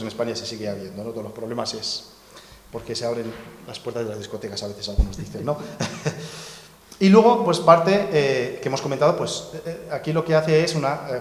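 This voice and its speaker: A man's voice: mid-range voice, animated, fairly quick. Man lecturing in an echoey hall. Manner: conversational, digressive, many fillers and restarts; draws on a board while explaining. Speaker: lecturer at a seminar. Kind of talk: academic lecture. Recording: echoey hall, long reverb.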